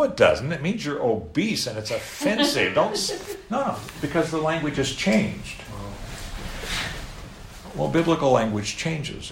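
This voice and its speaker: A middle-aged American man with a creaky, mid-range voice preaches a sermon before a live audience. He tells stories in an animated way, dropping in playful asides. The room is echoey, with faint background noise.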